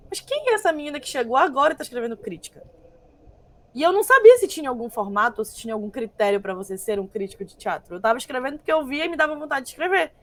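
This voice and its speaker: A young woman speaks as a panel guest, reflective and deliberate. Her voice sits somewhat high, and she often restarts her sentences while thinking aloud. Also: dry recording. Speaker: guest, text reviser. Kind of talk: panel discussion talk.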